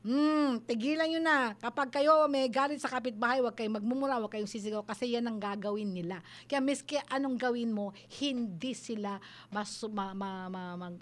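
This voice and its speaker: High-voiced Filipino woman giving advice. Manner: mixes Tagalog and English, acts out quoted voices. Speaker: radio advice host. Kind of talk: parenting advice talk on radio.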